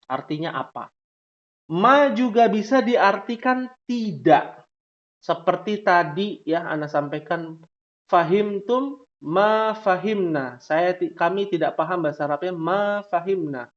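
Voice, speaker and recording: Man teaching, tagging lines with "ya". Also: fairly high pitch. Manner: drawn-out questioning, frequent "ya" tags. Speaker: Arabic teacher. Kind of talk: classroom lesson. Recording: dull lo-fi recording.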